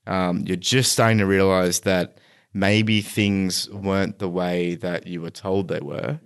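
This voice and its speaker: A man's voice: low-pitched, fairly even intonation, measured pace, smooth. A man hosting a podcast, asking questions in an easygoing way and filling in with short affirmations. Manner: easygoing, brief affirming backchannels. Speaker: podcast host. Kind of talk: conversational interviewing.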